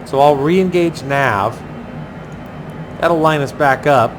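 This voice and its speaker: A man giving a casual flight commentary, chatty and thinking aloud in pilot jargon. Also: slow. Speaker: flight simulator pilot and host. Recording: clearly noisy, steady low engine-like rumble.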